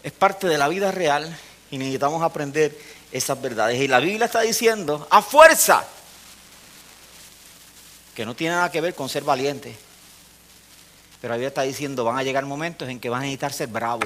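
A man preaching a sermon, telling a personal story and often dropping low and soft for emphasis. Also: moderate pace, long pauses.

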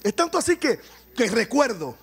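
A Puerto Rican man preaching a sermon, animated, swelling to shouts and dropping into joking asides. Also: extremely high pitch, moderate pace, slightly rough. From Puerto Rico.

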